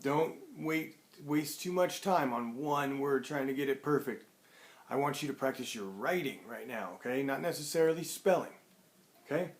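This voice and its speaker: A man teaching a writing lesson to young children, explaining things simply and deliberately. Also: mid-range voice, lively intonation. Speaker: primary school teacher. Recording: echoey room.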